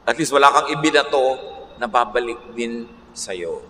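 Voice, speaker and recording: A man's voice: mid-range voice, lively intonation, normal speed, bright, forceful tone, slight background noise. A man with a Filipino accent preaching a sermon, mixing Tagalog and English and acting out little quarrels. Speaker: pastor. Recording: echoey hall recording.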